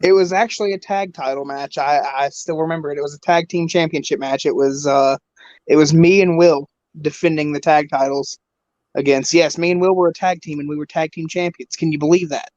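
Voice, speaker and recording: A twenty-year-old man talks casually as a podcast guest, teasing and quick to laugh. His voice sits a little high. The sound is dry and slightly dull. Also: fairly even intonation, darkish tone, no room sound. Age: 20s. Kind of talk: casual chat.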